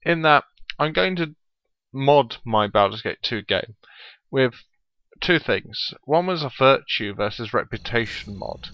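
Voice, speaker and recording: A man's voice: medium pitch, expressive, a little slow, dry recording, muffled recording. A man doing casual let's play commentary in a chatty, explanatory, self-deprecating way.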